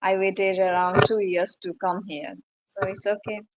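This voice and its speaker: Nurse guest from Nepal, dull remote audio. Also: female voice, medium pitch, little pitch movement, unhurried. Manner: brief, hesitant replies. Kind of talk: interview answers.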